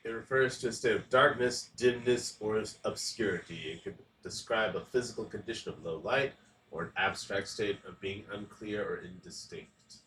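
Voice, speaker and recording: A man reading out a definition in a low-key way. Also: normal speed, fairly bright tone, echoey room, rough recording. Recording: faint background noise.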